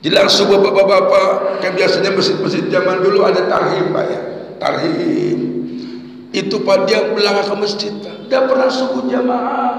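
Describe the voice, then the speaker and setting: A high-pitched man preaching to a congregation, telling a story with lively delivery and acting out the prayers he narrates. His voice booms back from a large hall, with a heavy echo and a long reverb tail. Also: normal speed. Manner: keeps addressing listeners as sir and madam. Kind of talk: storytelling sermon.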